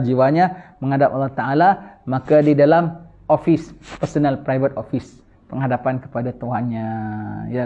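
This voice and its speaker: Man preaching over a tinny line. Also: a little high. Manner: gentle, repetitive, mixes English words and Arabic recitation. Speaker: religious teacher. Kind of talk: sermon with prayer. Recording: tinny phone-like online recording.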